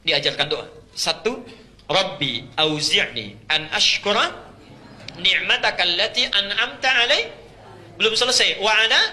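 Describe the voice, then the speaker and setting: A man's voice: high-pitched, bright, forceful tone. A middle-aged man preaching a sermon, emphatic, repeating key phrases and chanting Quran verses. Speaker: Islamic preacher.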